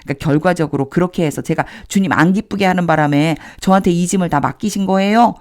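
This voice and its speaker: A woman teaching an English Bible reading lesson phrase by phrase, patiently explaining grammar and reading each English line slowly and clearly. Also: on the low side, a little mellow. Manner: conversational, uses casual pointing words while marking a text. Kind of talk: step-by-step phrase-by-phrase translation lesson.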